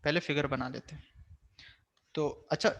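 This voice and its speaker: A man's voice: on the high side, fairly even intonation, moderate pace, a bit bright. A man with an Indian accent teaching a maths class online, mixing Hindi and English, firm but reassuring with his students.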